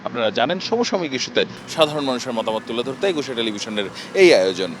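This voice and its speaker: A man hosting a street opinion program, presenting to camera in a brisk, formal announcer manner. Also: medium pitch, sing-song, a little hiss or hum. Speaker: street interview host.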